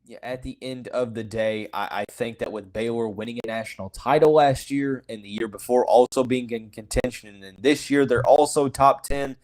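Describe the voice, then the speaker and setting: A man's voice: medium pitch, steady tone, normal speed, few pauses, darkish tone, rough recording. A man hosting a sports podcast, talking casually and frankly, with many "you know" fillers and restarts. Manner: frank, opinionated, says he calls it as he sees it. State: has the hiccups. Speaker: podcast host. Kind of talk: casual sports talk monologue.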